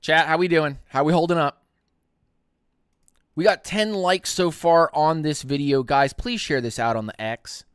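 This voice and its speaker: Young male streamer, excitable play-by-play, fairly high voice, clean and dry close mic. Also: unhurried, smooth, dry recording. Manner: excitable play-by-play, rising loud on big plays. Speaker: live-stream host. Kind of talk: live game-watching commentary.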